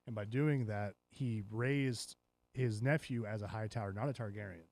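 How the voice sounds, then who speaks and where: A man's voice: on the low side, normal speed. A man hosting a podcast, recapping a show in casual chat and acting out the characters' lines as he tells it. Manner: animated storytelling, acts out characters' lines. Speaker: podcast host.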